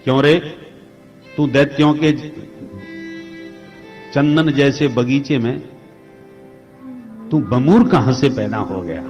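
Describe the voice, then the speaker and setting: A man's voice: medium pitch, slow pace, pauses often, lo-fi sound, lightly acted. A man storytelling as a frightened teacher who pleads with the king and scolds his pupil. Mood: scolding. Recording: reverberant hall with music.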